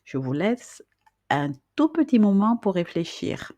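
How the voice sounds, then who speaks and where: A woman's voice: medium pitch, sing-song, unhurried, warm tone, dry recording. A woman teaching beginners to read and write, speaking patiently, repeating each question and checking in with the listener. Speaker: reading and writing teacher. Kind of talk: slow, patient lesson.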